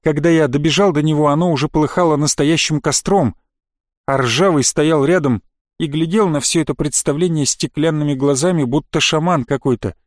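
Guy narrating an audiobook, wry and lively, a bit high voice, dry close mic. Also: a little fast, no echo. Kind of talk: first-person story narration.

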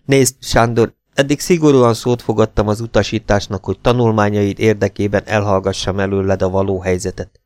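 A man's voice: lowish voice, no echo. A man reading the part of a young man in an audiobook, an old friend who speaks frankly and soberly as he delivers bad news. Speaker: character in audiobook.

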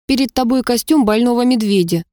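A gruff, stubborn heavyset colonel who hisses and grumbles his words, as a woman narrator reads him. The voice is mellow and dark in tone, close and dry with no room around it. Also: fairly high pitch, brisk, dry recording, voice pushed up, natural voice. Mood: grumbling. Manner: hissing, grumbling, insistent. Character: gruff fat middle-aged male police colonel.

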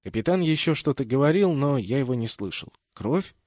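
A man's voice: mid-range voice, animated, brisk, darkish tone, dry recording. Man narrating fiction, very dry recording. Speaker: audiobook narrator. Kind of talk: scripted first-person fiction narration.

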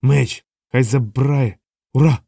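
A man's voice: mid-range voice, steady tone, measured pace, gravelly, dark tone, slightly rough, dry recording, clean studio sound. A man voicing a drunk male captain of the watch who slurs and blusters. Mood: drunken. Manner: slurred, blustering.

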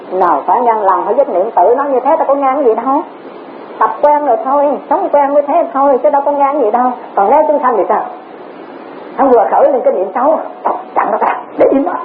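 Woman, Dharma teacher, repeats herself, poses rhetorical questions, tinny tape with faint hiss. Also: fairly high pitch. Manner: repetitive, rhetorical questions, chuckles often. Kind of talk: Dharma talk.

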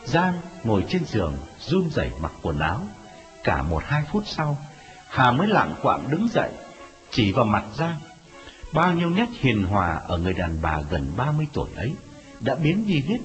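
A man narrating a dramatic story in a scripted, expressive telling. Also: mid-range voice, normal speed. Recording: dull lo-fi audio with music. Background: music.

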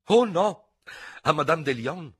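A man reading an audiobook aloud and voicing a young, sharp-tongued, impatient chambermaid in a raised, snappish voice. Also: fairly high pitch, lively intonation, takes it slowly, slightly rough, dry recording, voice pushed up, full character voice. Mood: indignant.

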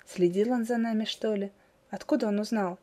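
A woman's voice: medium pitch, steady tone, normal speed, dark tone, lightly acted. A woman voicing a polite, cheerful young woman runner.

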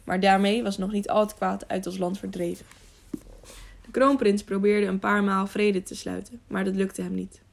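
Brief: female audiobook narrator, gravelly voice, mid pitch. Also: moderate pace. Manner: steady reading with small slips.

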